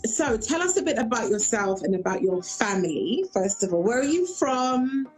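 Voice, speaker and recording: A woman interviewing a guest on a casual livestream, asking friendly, brisk questions. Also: on the high side, big pitch swings, soft background music, low-quality recording.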